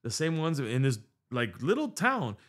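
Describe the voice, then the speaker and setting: With huge pitch swings in a mid-range, slightly bright voice, a middle-aged American podcaster talks at a moderate pace through a long, casual story on a boom-mounted studio mic, cursing and slipping in Spanish.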